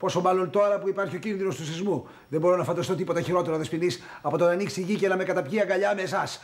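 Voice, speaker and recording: An actor playing a pompous, germ-fearing middle-aged professor who talks in a formal, fussy, stammering way. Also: male voice, high voice, lightly acted.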